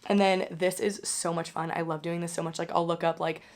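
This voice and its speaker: A young woman with a hoarse voice, still recovering from being sick, hosting a casual book wrap-up and chatting loosely with lots of filler words. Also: on the low side, flat delivery, brisk. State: hoarse, recovering from losing her voice. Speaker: book channel host. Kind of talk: casual reading wrap-up chat.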